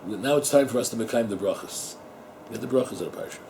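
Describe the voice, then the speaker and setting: A man's voice: lowish voice, fast talker, a little mellow, slight background noise, low-quality recording. A middle-aged man, a rabbi giving an informal Torah talk to yeshiva students, repeating words and asking his listeners rhetorical questions. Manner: mixes Hebrew and Yiddish terms into English.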